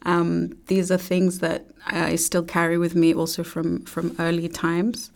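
A woman talks in a radio studio interview. Her voice sits low and stays flat and even, and she pauses and restarts as she searches for the right words. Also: gravelly. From London, UK. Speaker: guest artist and writer.

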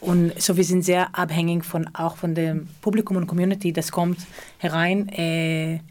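A woman's voice: on the low side, little pitch movement, normal speed, darkish tone. A middle-aged woman from Israel, a choreographer, speaking German in an interview, often searching for words. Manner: searching for words, frequent hesitations. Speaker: choreographer and theatre co-founder. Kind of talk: interview answer.

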